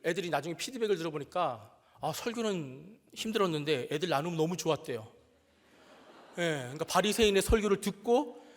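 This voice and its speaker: A high-pitched man preaching a sermon, his voice ringing out with a long church-hall reverb. He tells stories with animation, acts out the voices he quotes, and pokes fun at himself along the way. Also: gravelly, a bit bright. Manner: self-deprecating humor. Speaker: pastor. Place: church sanctuary.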